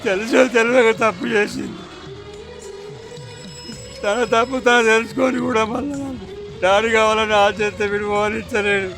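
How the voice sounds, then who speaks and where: A man's voice: high-pitched, steady tone, moderate pace, vocal fry, long pauses. An actor with a Telangana Telugu accent playing a middle-aged father grieving over his daughter, speaking in a heavy, sorrowful lament. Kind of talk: village short film acting. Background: background music.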